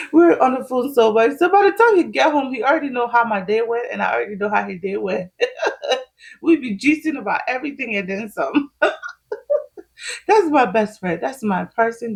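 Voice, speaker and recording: A woman's voice: mid-range voice, vocal fry, breathy edge, poor audio. A woman, chatting casually at home while doing her makeup, laughing often as she explains each step. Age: 30s. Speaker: vlogger.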